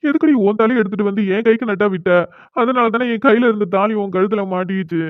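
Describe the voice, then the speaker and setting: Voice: medium pitch, fast, no room sound, close to an everyday voice. A performer voicing a sulky young man in a cartoon who whines and pleads after an unwanted marriage. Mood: whiny. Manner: whining, pleading. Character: young man, whiny, sulking new husband. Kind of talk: cartoon dialogue. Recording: tinny phone-like sound.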